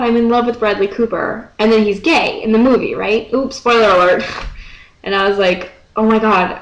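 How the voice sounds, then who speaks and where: A woman's voice: medium pitch, fairly bright tone. A teenage girl rambling sarcastically in a casual vlog, swearing freely, into a webcam mic. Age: teens. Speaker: vlogger. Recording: echoey room.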